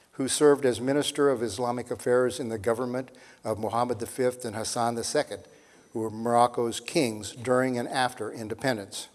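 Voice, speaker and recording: An older man, the moderator of a lecture series, reads a speaker's introduction from a sheet at a podium microphone in a measured way. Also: mid-range voice, darkish tone. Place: large hall with seated audience. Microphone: podium mic on a stand. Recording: long reverb in a hall.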